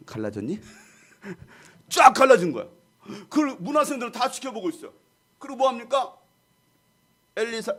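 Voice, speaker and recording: A middle-aged male pastor preaching a lively storytelling sermon, acting out scenes with sound effects and quoted voices. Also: very high-pitched, creaky.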